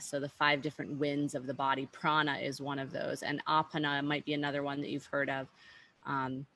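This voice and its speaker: A woman's voice: low-pitched, pushed and bright. A woman teaching an online workshop, explaining at an easygoing pace with frequent fillers and restarts, over a video call.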